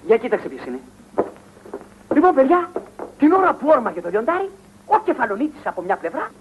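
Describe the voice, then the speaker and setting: A blustering big-game hunter. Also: male voice, extremely high pitch, wildly swooping pitch, lo-fi sound, slight background noise, full character voice. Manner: blustering, boastful storytelling. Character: boastful middle-aged male big-game hunter.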